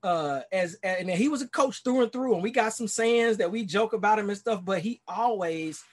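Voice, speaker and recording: A middle-aged Dallas pastor in his forties, speaking with a Texan accent and a fairly high voice at normal speed, tells his life story in a relaxed video-call interview as a podcast guest. He comes across as earnest and rambling, filling his talk with "you know"s and restarts.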